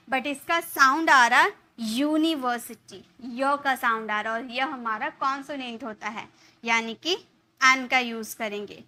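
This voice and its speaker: Bright high-voiced woman teaching English. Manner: explains step by step, asks and answers her own questions. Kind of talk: spoken English lesson in Hindi.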